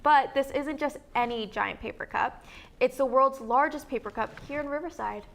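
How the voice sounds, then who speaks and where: A woman's voice: sits high, moderate pace. A young woman co-hosting a student local news feature, reading an upbeat, jokey script with small stumbles. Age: young adult.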